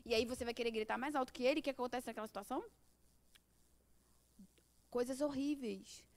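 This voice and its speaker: High-voiced Brazilian woman teaching a class. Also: brisk. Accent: Brazilian Portuguese. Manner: conversational, many rhetorical questions. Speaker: course teacher. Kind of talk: informal spiritual class talk.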